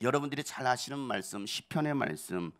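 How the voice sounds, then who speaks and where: A man's voice: medium pitch, lively intonation, fairly quick, a bit bright. A middle-aged male pastor preaching a sermon, asking the congregation rhetorical questions and driving his points home with building emphasis.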